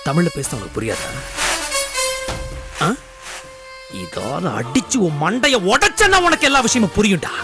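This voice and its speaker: An actor playing a vengeful, hot-tempered young man in a TV serial who shouts, threatens and chokes up. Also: high voice, wildly swooping pitch, moderate pace, long pauses, full character voice. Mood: menacing interrogation. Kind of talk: TV serial acting. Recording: loud background music score.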